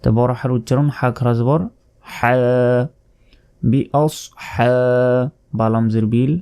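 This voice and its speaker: Mellow-voiced teacher. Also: male voice, mid-range voice, steady tone. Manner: slow, letter-by-letter drilling and correcting common mistakes. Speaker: Quran recitation teacher. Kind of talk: spelled-out Quran pronunciation lesson.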